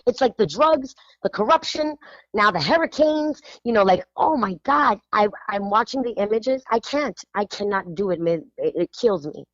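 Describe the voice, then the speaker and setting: Animated New woman radio host. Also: medium pitch, moderate pace, dry recording, muffled recording. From New York (Spanish Harlem). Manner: animated, emphatic, lots of "you know". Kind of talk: casual radio chat.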